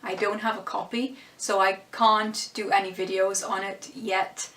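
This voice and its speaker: A woman vlogger muses over a TV series in a medium-pitched, fairly bright voice with little pitch movement, speaking unhurriedly in an echoey room. She often restarts sentences and laughs softly, sounding thoughtful in this casual commentary while saying her voice is going.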